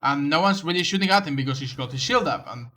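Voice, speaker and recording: A man's voice: a little high, lively intonation, quick pace, bright, forceful tone. A man reviewing someone's game footage, coaching them in casual commentary, often stumbling and restarting his sentences. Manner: coaching, direct advice.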